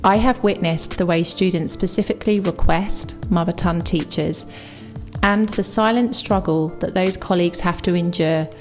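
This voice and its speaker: Her pitch runs low and her tone leans dark; she's an English teacher from England with a London accent. The piece is a reflective, scripted video essay in which she states her opinions plainly.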